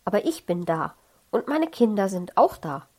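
A woman's voice: mid-range voice, very animated, moderate pace. A woman reading a children's audiobook, voicing a caring but firm female caregiver in her own, lightly raised voice. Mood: soothing. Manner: gently firm, soothing.

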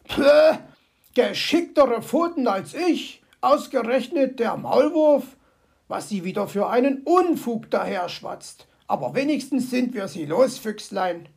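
Brief: a woman playing a grouchy fox gentleman, dry sarcasm, gravelly grumbles. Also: on the high side, measured pace. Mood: grumbling. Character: grumpy, sardonic old male fox.

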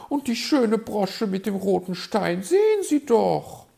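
A man voicing a vain, fussy female magpie in a children's audio story, shrill and easily offended. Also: sing-song, takes it slowly, vocal fry, mellow, full character voice. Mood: gushing, pleading. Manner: shrill, indignant, pleading.

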